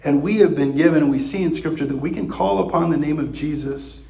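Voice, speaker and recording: A man's voice: fairly high pitch, fairly quick, gravelly, dark tone, reverberant, rough recording. A man preaching a sermon as pastor, talking in a loose, conversational way with many fillers and restarts.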